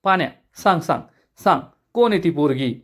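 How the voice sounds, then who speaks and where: A man's voice: a little high, lively intonation, brisk. A man reading the lines of a teasing, mock-stern elder brother in a serial recap.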